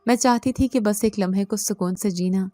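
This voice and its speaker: A woman narrates a first-person horror story in an earnest, tense voice at a middle pitch. The recording is close and dry, with no room sound at all. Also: dark tone, dry recording.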